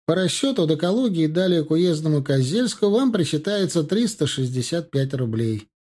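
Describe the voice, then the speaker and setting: A man's voice: on the high side, sing-song, normal speed, a little mellow, pitched above the performer's own voice. A man voicing a polite, fussy male army treasurer in an audiobook. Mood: deferential. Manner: polite, deferential counting.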